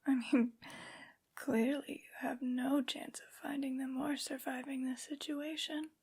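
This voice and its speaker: A woman voicing a haughty, vengeful aristocratic vampire lady in an ASMR roleplay, in a breathy whisper with taunting, mockingly sweet phrasing. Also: sits high, level tone, measured pace, a little mellow. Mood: menacing, taunting.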